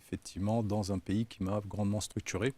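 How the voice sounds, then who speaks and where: A man's voice: fairly low pitch, flat delivery, brisk, mellow. A man born in Yugoslavia and raised in France speaks thoughtfully as an interview guest. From Yugoslavia, raised in France from age five. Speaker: company co-founder, guest. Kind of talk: casual interview talk.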